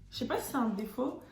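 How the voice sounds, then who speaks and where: A woman of twenty chatting casually as a co-host, teasing and animated. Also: high-pitched, gravelly. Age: 20s. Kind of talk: casual chat. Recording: echoey room with faint music.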